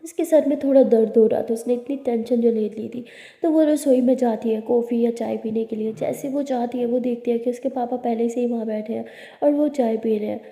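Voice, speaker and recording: A woman narrates a scripted story in a steady, plain manner. Her voice sits fairly high but sounds dark and mellow. The recording is roomy, with a long reverb. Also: a little fast.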